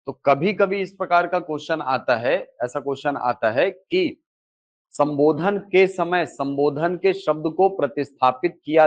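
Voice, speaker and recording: A male teacher giving a classroom lecture, asking questions and answering them himself, often checking in with "okay". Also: on the high side. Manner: repeats key terms with "ठीक है". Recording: dull lo-fi recording.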